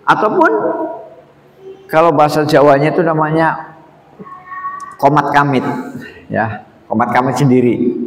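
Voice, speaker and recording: A man's voice: on the high side, expressive, a little slow, pauses often. A man giving a casual, conversational sermon, tagging "ya" onto phrases and speaking straight to his listeners. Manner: conversational, keeps adding "ya" and addressing "Pak". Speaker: preacher. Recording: roomy hall with long reverb, faint noise.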